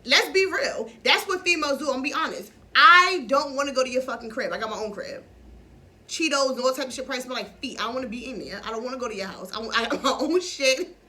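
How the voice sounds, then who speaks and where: A young woman hosting a casual podcast chat, blunt and profane, telling animated stories. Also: high voice, fast. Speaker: podcast host.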